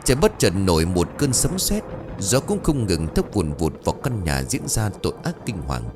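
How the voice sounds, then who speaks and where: A man narrating a ghost story with a dramatic, expressive reading. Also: low voice, moderate pace, music in the background.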